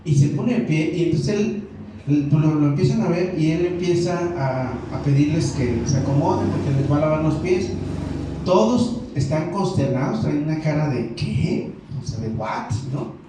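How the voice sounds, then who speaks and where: A man with a Mexican Spanish accent preaching a sermon as pastor, telling the story in a lively way and acting out the characters' lines. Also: a little high, normal speed, slight background noise. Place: church hall. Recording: echoey hall, mic far off.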